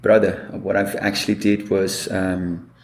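A man's voice: sits low, a little slow, creaky, reverberant, slight background noise. A man with a Brazilian Portuguese accent, telling stories as an interview guest and acting out quoted dialogue. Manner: animated storyteller, acts out quoted dialogue. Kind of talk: storytelling interview.

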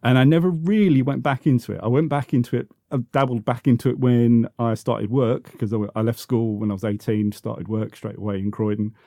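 A South London man in his fifties, a football podcaster appearing as an interview guest, reminisces casually, rambling hesitantly and often correcting himself. His medium-pitched, dark voice is steady and a little fast, with vocal fry and few pauses. The studio recording is clean with no echo.

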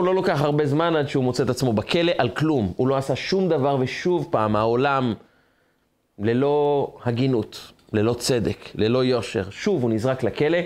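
A man's voice: medium pitch, a little mellow. A man, a rabbi, giving a sermon on the weekly Torah portion, telling the story dramatically in short rhythmic lists.

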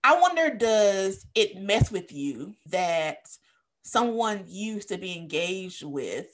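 A woman co-hosting a podcast, chatting candidly and profanely, breaking into loud laughter. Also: mid-range voice, slow, a little hiss or hum. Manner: animated, laughs loudly, frank and profane. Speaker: podcast co-host. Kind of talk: candid casual chat.

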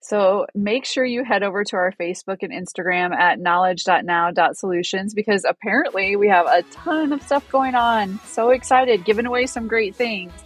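Soft background music plays behind a woman of medium pitch who talks at a moderate pace with hardly any pauses, her voice slightly rough. She's co-hosting a podcast, chatting casually, rambling, restarting often and laughing at her own nerves in a self-deprecating way.

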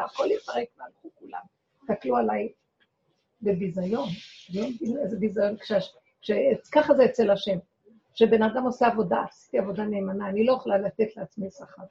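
Rebbetzin type, woman, dramatic testimony storyteller, gravelly fry, dull lo-fi recording. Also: fairly high pitch, darkish tone. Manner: dramatic storyteller who acts out her own cries and quotes. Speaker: rebbetzin giving a talk. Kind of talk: personal testimony told to an audience.

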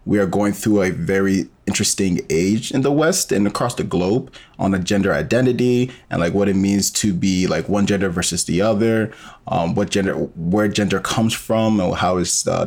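This podcast guest, who makes audio dramas, has a low, gravelly, somewhat dark voice and speaks at a moderate pace. He rambles casually through the interview, using many fillers.

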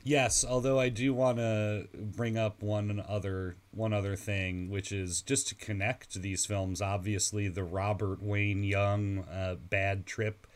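Low-voiced man telling stories animatedly. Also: slow, hardly any pauses. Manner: animated storyteller, acts out quoted people. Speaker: podcast guest. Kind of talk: casual film discussion.

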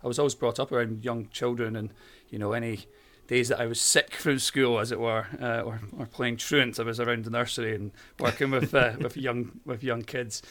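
A Scottish man in his thirties, a primary school teacher, chats in a friendly, talkative way during a conversational interview, with plenty of fillers and restarts. His voice is medium-pitched and a bit bright, fairly even in intonation, fairly quick, with few pauses.

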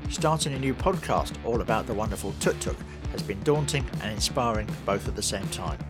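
A man's voice: fairly low pitch, lively intonation, fairly quick, over music. A man narrating scripted travel stories as a podcast host.

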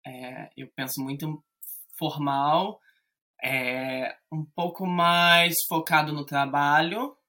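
A man from Rio de Janeiro with a Carioca accent, chatting as a guest in a relaxed, hesitant way with many fillers. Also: on the high side, takes it slowly. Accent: Carioca Brazilian Portuguese. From Rio de Janeiro, Brazil. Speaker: guest, English teacher. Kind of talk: casual chat.

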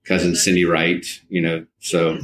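This interview guest is a man in his 50s from the US, with roots partly in Alabama and California, and he reminisces in a rambling way, frequently circling back to rephrase. His voice is deep and completely flat, at normal speed with a fairly bright tone, in a rough recording.

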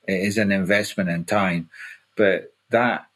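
Scottish man in his fifties, low voice. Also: fairly even intonation, a bit bright, poor audio. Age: 50s. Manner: halting, repeats words while explaining. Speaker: coach, podcast co-host. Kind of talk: casual conversational podcast chat.

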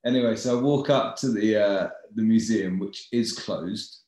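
A guest from England tells a story in casual conversation, dry and self-mocking. His voice is fairly low and slightly mellow, at a normal speed, and the room sounds echoey.

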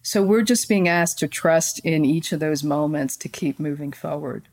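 A woman guest on a podcast, talking in a calm, flowing way about spiritual practice and gently guiding listeners through a meditation. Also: deep voice, normal speed. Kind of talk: conversational podcast interview.

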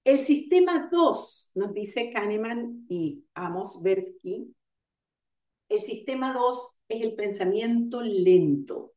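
A woman giving an online lecture on coaching, explaining ideas step by step and pausing with fillers to gather her thoughts. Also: on the high side, expressive, warm tone. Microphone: video call. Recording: roomy sound, far from the mic.

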